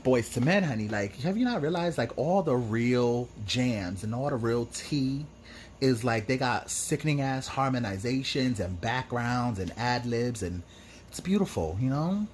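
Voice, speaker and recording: A man's voice: mid-range voice, lively intonation, unhurried, slight background noise. A man talking through a makeup tutorial as host in a sassy, campy drag queen manner, chatty and slangy. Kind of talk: casual makeup tutorial commentary with chatty asides.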